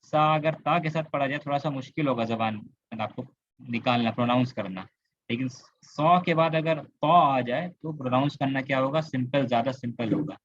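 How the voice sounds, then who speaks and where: Over a video call's computer microphone, a man with a Kolkata Indian accent teaches Arabic grammar in an online class, breaking things down step by step, repeating key words and stopping to test his students. He speaks at medium pitch and a moderate pace, and the dry recording is slightly dull and lo-fi.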